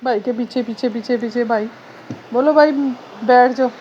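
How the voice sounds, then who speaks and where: A woman's voice: a little high, normal speed, darkish tone, highs cut off, a little hiss or hum. A Pakistani woman, a mother at home, coaxing her small child in affectionate, repetitive baby talk. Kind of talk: casual home vlog talking to her toddler. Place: indoors at home, fan running.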